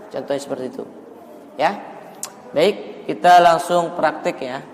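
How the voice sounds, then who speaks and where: A man teaching melodic Quran recitation in a mosque, explaining the rules calmly and then chanting verses slowly to show the tune. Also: fairly high pitch, long reverb tail. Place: mosque hall.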